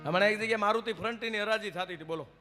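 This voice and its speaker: A man telling folk stories and jokes to a live crowd, dropping to hushed asides and then rising into loud, stretched declamation. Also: high-pitched, very fast, music in the background. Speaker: folk stage storyteller. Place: stage at a live temple event. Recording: echoey hall with instruments behind.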